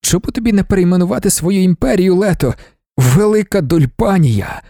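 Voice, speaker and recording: A man reading an audiobook, voicing a crippled old man who mocks in a high, hoarse voice. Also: fairly quick, mellow, no echo, studio quality. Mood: mocking. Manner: mocking, hoarse.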